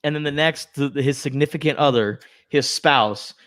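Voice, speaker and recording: A man's voice: fairly high pitch, moderate pace, fairly bright tone, no echo. Easygoing male podcast host who chuckles a lot, dry studio sound. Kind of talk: casual chat.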